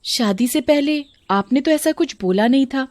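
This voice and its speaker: A woman's voice: sits high, animated, moderate pace, no echo, studio quality, voice pushed up. Woman doing a greedy scolding mother-in-law. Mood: scornful. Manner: scolding, sharp-tongued. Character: greedy harsh middle-aged mother-in-law.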